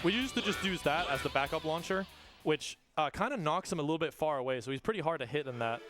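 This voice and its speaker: A man giving casual, excited live commentary while speedrunning a game. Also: fairly high pitch. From not Australian. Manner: casual, excited, talks fast between game moments. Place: live event stage. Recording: game music playing behind.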